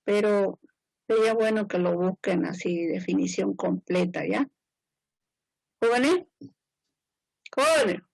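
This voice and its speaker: A woman engineer gives a classroom lecture in a slow, creaky, medium-pitched voice with frequent pauses. She explains things informally, repeats her points and keeps checking in with her students. The recording has no echo but is low quality.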